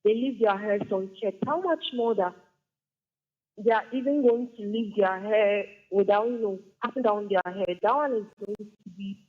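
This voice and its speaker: A woman's voice: medium pitch, normal speed. A woman calling in to a radio morning show, speaking hesitantly with fillers, heard through a clipped telephone line. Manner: hesitant, with fillers like "you know". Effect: clipped, narrow phone-line sound. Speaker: radio call-in caller. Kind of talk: phoning in to a morning talk show.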